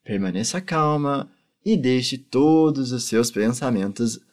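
A male teacher, a native Portuguese speaker, giving a language lesson and patiently drilling phrases slowly for repetition. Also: mid-range voice, animated. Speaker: German teacher.

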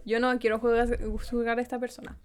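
A woman's voice: on the high side, completely flat delivery, fast, clean tone. Giggly young Chilean woman podcaster. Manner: chatty, giggly, reads aloud. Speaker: podcast co-host. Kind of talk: casual chat, reading listener stories.

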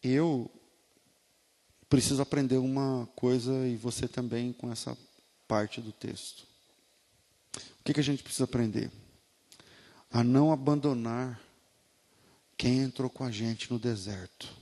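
A male pastor with a Brazilian Portuguese accent, preaching a sermon that asks the listeners questions and swings from quiet talk to shouting. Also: medium pitch, steady tone, measured pace, long pauses, big-room sound.

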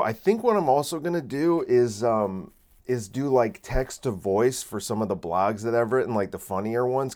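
A man's voice: fairly low pitch, a little mellow. A man in his late twenties hosting a casual solo podcast, rambling with many fillers and restarts, recorded on a microphone. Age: late 20s. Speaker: podcast host. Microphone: phone camera and separate microphone.

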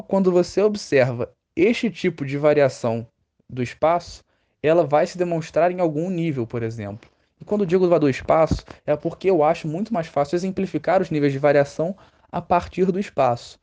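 A man's voice: a little high, warm tone. A man with a Brazilian Portuguese accent explaining a lesson on a podcast, asking questions aloud and answering them himself. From Rio de Janeiro, Brazil. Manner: asks and answers his own questions. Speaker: teacher.

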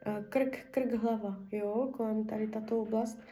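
A woman's voice: fairly high pitch, fairly even intonation, warm tone, far from the mic. A woman leading a spiritual healing session, addressing her client and murmuring repetitive incantations and half-whispered prayers. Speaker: spiritual healer.

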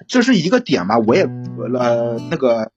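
A young man calling in for relationship advice, telling his story in a rambling, halting way with many restarts. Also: medium pitch, sing-song, darkish tone, dull audio, faint music behind. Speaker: caller seeking relationship advice. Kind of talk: casual phone-in storytelling.

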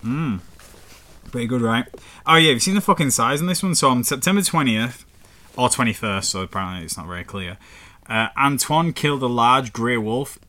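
A man's voice: medium pitch, lively intonation, a little fast, pushed and bright. A man with a northern English accent, chatting casually and swearing as he reads out history facts. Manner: rambling and sweary, reading facts aloud. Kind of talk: casual chat.

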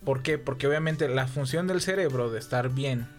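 A man's voice: mid-range voice, moderate pace. Give me a Mexican man in loose, profane podcast chatter, with faint background music. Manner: slangy, profane, rambling with many fillers. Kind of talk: casual chat.

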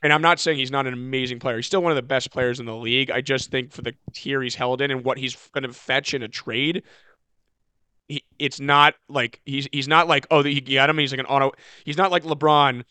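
A man's voice: mid-range voice, steady tone, a little fast, sharp tone, smooth, no echo. A man co-hosting a sports podcast, rambling in casual chat and often correcting himself as he goes. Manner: rambling, self-correcting, many "like" fillers. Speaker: podcast co-host.

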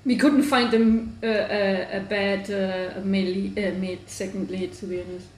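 A woman's voice: mid-range voice, level tone, normal speed, darkish tone. A woman co-hosting a casual podcast from a kitchen, chiming in with short remarks while eating. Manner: brief interjections, talking while eating. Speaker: podcast co-host. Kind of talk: casual chat. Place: home kitchen. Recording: echoey kitchen with faint background noise.

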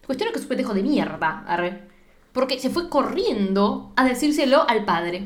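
A woman's voice: on the high side, very animated, normal speed. A woman with an Argentine accent, casually chatting and retelling a film plot in a slangy way, swearing freely. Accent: Argentine Spanish.

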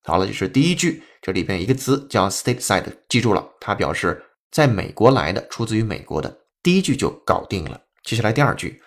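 A man's voice: on the low side, very animated, fairly quick, few pauses. A man hosting a podcast English lesson, explaining step by step and spelling words out letter by letter. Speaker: English teacher.

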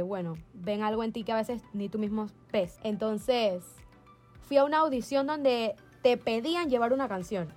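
A young woman from Panama telling stories in a casual chat, animated and laughing, acting out what others said. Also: on the high side. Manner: animated storyteller, acts out quoted voices, laughs often.

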